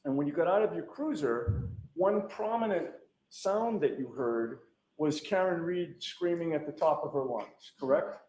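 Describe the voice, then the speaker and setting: A man's voice: a little high, animated, unhurried, a little mellow, slight background noise. A man questioning a witness as defense attorney, firing pointed leading questions that end in "correct?". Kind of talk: courtroom cross-examination. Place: courtroom. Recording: echoey courtroom.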